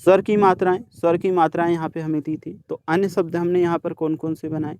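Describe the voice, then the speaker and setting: A male teacher solving a worksheet for students, sounding out each letter slowly and speaking to the class directly. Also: fairly high pitch, level tone, a little mellow, no echo. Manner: slow, deliberate sounding out of letters. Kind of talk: worksheet solution lesson.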